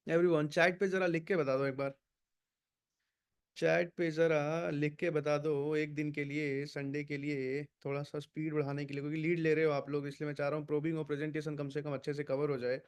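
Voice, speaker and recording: Brisk, urging male sales trainer. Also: a little high, clean tone. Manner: energetic and urging, switching between Hindi and English words. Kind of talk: online training session.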